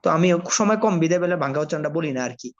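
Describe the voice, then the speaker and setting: A man from Bangladesh, teaching Quran reading by spelling letters one at a time and blending them slowly, asking his learners questions. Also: a little high, animated. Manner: addresses learners directly, asks and answers own questions. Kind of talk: slow spelled-out recitation lesson. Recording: dull lo-fi audio.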